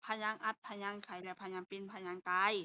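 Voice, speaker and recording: A woman's voice: medium pitch, flat delivery, quick pace, bright, forceful tone, a little hiss or hum. A young woman with a Lao accent, teaching an online language lesson and explaining step by step with patient fillers.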